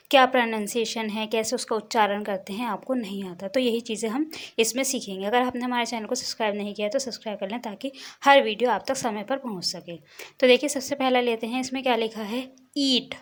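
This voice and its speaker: Patient woman teaching English. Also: fairly high pitch. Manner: patient, repeats words and spells letter by letter. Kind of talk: slow spelled-out teaching.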